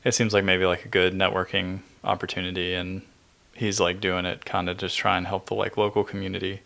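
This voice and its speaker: A young man co-hosting a podcast, talking in a relaxed, rambling way with many fillers. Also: sits low, brisk, gravelly. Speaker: podcast co-host. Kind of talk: casual chat.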